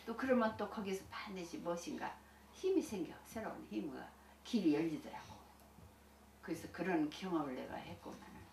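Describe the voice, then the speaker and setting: An older woman recounts her life experiences in a folksy, chatty manner and laughs easily. Her voice is on the low side but lively in pitch. She is recorded from a distance in an echoey room with faint background hiss. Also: normal speed, gravelly. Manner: folksy and chatty, laughs often, many restarts. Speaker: senior Won Buddhist minister.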